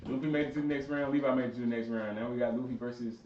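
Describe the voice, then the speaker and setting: A man's voice: medium pitch, fairly even intonation, rapid-fire. A man hosts a casual podcast debate in loose, slangy banter and breaks into laughter often. He sits back from the mic in an echoey room, and the sound is dull and muffled. Faint noise sits underneath. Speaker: podcast host running the bracket. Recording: roomy, distant, dull sound.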